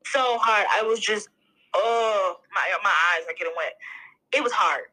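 Young woman guest, bright edge to the voice, candid and emotional, rapid bursts. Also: mid-range voice, low-quality recording. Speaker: podcast guest. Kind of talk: casual chat.

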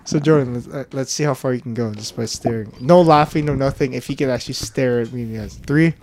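A man's voice: mid-range voice, quick pace, a little mellow, slight background noise. A man in his twenties hosting a casual podcast chat, rambling with lots of fillers and restarts. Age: 20s. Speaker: podcast host.

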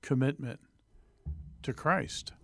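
A man's voice: mid-range voice, takes it slowly, vocal fry. A man co-hosting a religious radio talk show in a studio, speaking in a reflective, conversational way. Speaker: radio co-host.

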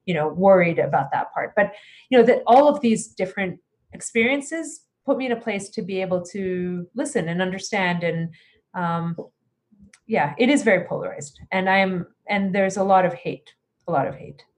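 A woman's voice: medium pitch, moderate pace. A woman who grew up in Greece, answering interview questions earnestly as a congressional candidate, with many fillers and restarts.

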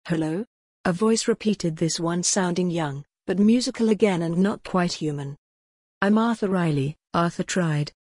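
A woman narrating a children's storybook in a steady, even reading voice, giving the characters quiet voices. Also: fairly low pitch, moderate pace, husky, dry recording. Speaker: audiobook narrator.

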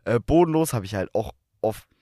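A man's voice: lowish voice, animated, a little fast, warm tone, dry recording, studio quality. A teenage boy co-hosting a podcast, slangy and full of swearing. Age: teens. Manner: slangy, swears, drops "Digga" constantly. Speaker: podcast co-host. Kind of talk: casual podcast chat.

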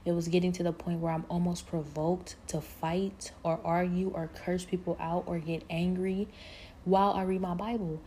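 A woman's voice: fairly low pitch, level tone, normal speed, dark tone, a little hiss or hum. A woman telling a personal faith story in an earnest, reflective way, leaning on fillers like "like" and "you know".

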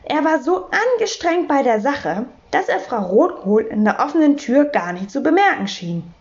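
A woman reading a children's book aloud in an expressive, animated way. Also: high-pitched, normal speed, muffled recording. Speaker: storyteller.

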